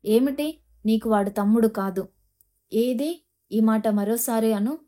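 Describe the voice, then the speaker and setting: A woman voicing a stern young mother who is quick to anger in a storybook. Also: medium pitch, steady tone, mellow, lightly acted. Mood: angry.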